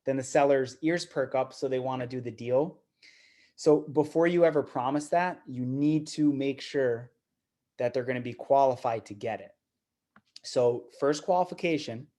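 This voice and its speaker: A man's voice: medium pitch, normal speed, a little mellow. A man giving a casual, conversational seminar talk to an audience of investors, often repeating words. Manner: conversational, repeats words, fillers like "you know". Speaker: guest speaker at investor meeting.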